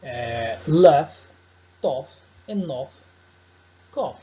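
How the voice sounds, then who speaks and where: A man's voice: fairly high pitch, expressive, very slow, dark tone, lo-fi sound. A man teaching English pronunciation in an informal online lesson who corrects his own slips as he goes.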